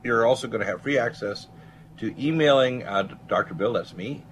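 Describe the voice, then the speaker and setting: A man's voice: mid-range voice, moderate pace, a little hiss or hum. A man hosting a talk show as a doctor, speaking off the cuff to listeners in a self-assured, salesman-like way. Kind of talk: unscripted monologue to listeners.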